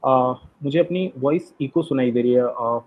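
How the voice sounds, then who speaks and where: A man hosting a live online book discussion, his voice echoing back with polite, unhurried welcoming talk. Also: medium pitch. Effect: his voice echoes back. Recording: tinny phone-like online call.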